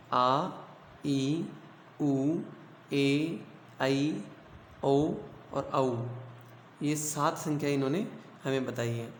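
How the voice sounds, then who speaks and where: Hindi teacher, echoey room, question-and-answer style. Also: male voice, on the high side. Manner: asks questions and answers them himself, repeats key points. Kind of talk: classroom grammar lesson. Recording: echoey room with long reverb and faint hiss.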